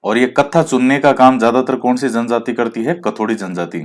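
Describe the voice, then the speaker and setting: A male teacher gives an exam-prep lecture at a steady, middle pitch. He explains a point, then turns it into a question and answers it himself, slipping English words into the talk. He is open about the rustic edge of his pronunciation. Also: fairly quick. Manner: mixes English words into Hindi.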